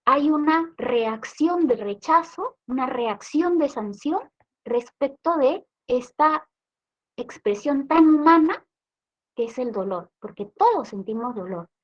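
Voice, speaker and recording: A woman's voice: sits high, animated, slow, lo-fi sound. A woman with a Peruvian accent giving a training lecture in an explanatory tone, often adding rhetorical questions. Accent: Peruvian Spanish. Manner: explanatory, frequent rhetorical "¿no?" tags.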